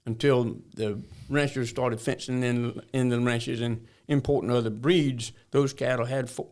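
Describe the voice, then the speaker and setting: An older man from north Florida with a rural Southern drawl, telling stories in a folksy way as an interview guest. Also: mid-range voice. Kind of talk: storytelling interview talk.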